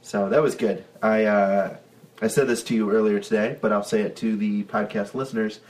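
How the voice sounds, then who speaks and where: Laid-back man with a low voice. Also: steady tone, normal speed, a little mellow, poor audio. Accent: Buffalo, New York. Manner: laughs often, rambling with restarts. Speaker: podcast co-host. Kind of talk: casual chat.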